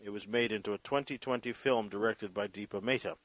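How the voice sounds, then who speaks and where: A man's voice: on the low side, fairly quick, a bit bright, dry recording. A male radio interview host who reads a formal introduction and asks questions, stammering often. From Canada.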